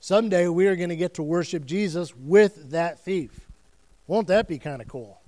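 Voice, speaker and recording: Earnest high-voiced man preaching slowly. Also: a little mellow. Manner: earnest, slow and emphatic, with repeated restarts. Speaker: student and family pastor. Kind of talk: communion sermon. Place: church.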